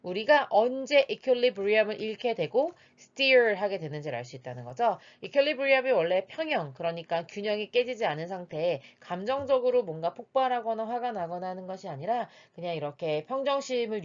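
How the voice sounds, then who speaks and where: A woman's voice: mid-range voice, lively intonation, fairly quick. A woman teaching English, going through an exam reading passage line by line in a patient, methodical way with frequent "uh" fillers. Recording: slightly dull lo-fi recording.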